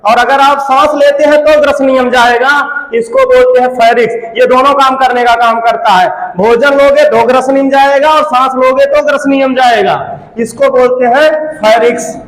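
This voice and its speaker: A man's voice: very high voice, fairly even intonation, normal speed, a bit bright. A man teaching a class, asking the students rhetorical questions and repeating each term. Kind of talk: classroom lecture. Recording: echoey room reverb.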